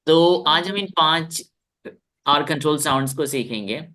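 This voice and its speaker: Bright-voiced Indian man teaching English. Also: fairly high pitch. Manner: drills words slowly, repeating each three times; stern with students. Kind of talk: online class lesson. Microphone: video call.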